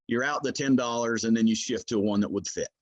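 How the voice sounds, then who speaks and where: A man with a mid-pitched voice gives a casual product explanation as an expert maker. His delivery is folksy and explanatory, often circling back with small hesitant phrases. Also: brisk, muffled recording.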